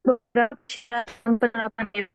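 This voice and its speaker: A woman's voice: a little high, level tone, highs cut off, soft background music. A woman presenting in an online class, her voice choppy and glitching as the video-call audio keeps cutting out. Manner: halting, slowed fragments. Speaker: student presenter.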